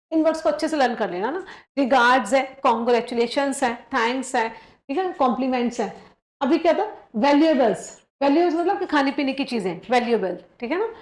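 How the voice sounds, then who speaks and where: A woman teaches an exam-prep grammar lesson, walking through it step by step, checking in with her students often, and reading example sentences slowly. Her voice is high-pitched with a darkish tone, and the room is echoey.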